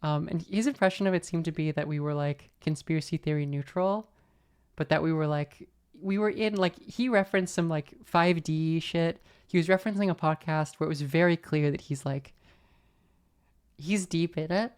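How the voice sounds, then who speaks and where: Low-voiced woman telling wry stories. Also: normal speed, a little mellow, smooth. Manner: rambling, filler-heavy, wry. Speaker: podcast host. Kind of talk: casual anecdotal storytelling.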